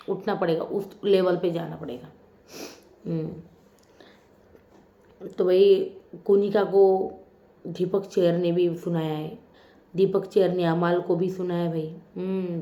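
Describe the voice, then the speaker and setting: A woman's voice: lowish voice, warm tone, roomy sound. A woman chatting casually as she reviews a reality show episode, teasing and mimicking the contestants.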